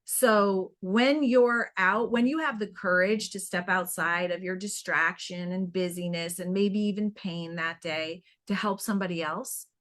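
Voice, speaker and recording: A woman's voice: mid-range voice, unhurried, hardly any pauses. A middle-aged woman, a nonprofit founder being interviewed, talking earnestly and acting out little scenes of dialogue. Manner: animated, acts out quoted dialogue. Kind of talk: conversational interview storytelling.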